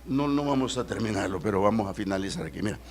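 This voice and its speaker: A man with a Salvadoran Spanish accent preaching a sermon as pastor, swinging between loud emphatic peaks and low quiet drops. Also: fast, a little hiss or hum.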